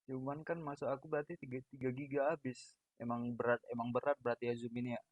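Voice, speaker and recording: He talks quickly in a level tone, his big voice carrying a Medan accent from his home in Indonesia. As a young podcast host in a casual video call, he's noisy, laughing, and self-deprecating. There's no echo; the call audio is dry, dull, and lo-fi.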